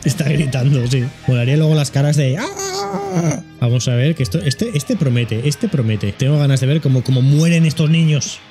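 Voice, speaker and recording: A man's voice: medium pitch, fairly quick, hardly any pauses, over music. A man with a Spain accent giving casual, jokey reaction commentary with sudden exclamations. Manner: jokey, exclaiming, voicing objects in funny asides. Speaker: reaction video host.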